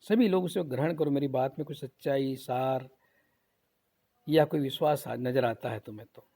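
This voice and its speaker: Gravelly male professor explaining poetry. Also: mid-range voice, normal speed, mellow. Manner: recites verse lines, then paraphrases them plainly; repetitive, explanatory, asks rhetorical questions. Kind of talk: lecture explaining a poem.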